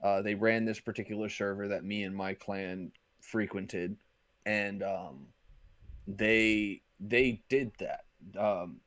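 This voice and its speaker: A man's voice: lowish voice, takes it slowly, a bit bright, no room sound. A man on a live stream explaining something step by step in casual chat, with many "um"s. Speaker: guest on a stream.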